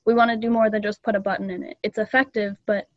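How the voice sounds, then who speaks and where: A woman's voice: medium pitch, little pitch movement, fast talker, no echo, dull audio. A young woman casually explaining things to a club meeting, chatty and loose with ums and small laughs, over a video call. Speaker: student club presenter.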